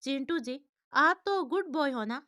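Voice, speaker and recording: Gentle young wife, voiced by a woman, soft, loving, high bright voice, storybook. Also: lively intonation, measured pace, no room sound, clean studio sound, exaggerated voice. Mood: coaxing.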